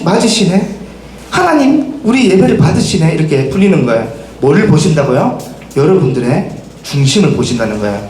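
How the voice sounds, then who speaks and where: A man preaching a sermon to teenagers, his voice swinging high and low with energy. He keeps turning to the youth with direct questions. The recording is very reverberant, with a faint hiss underneath. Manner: lively, asks the youth many direct questions and acts out quotes. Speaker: pastor preaching to a middle school summer Bible school. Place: church worship hall. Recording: very echoey hall, faint noise.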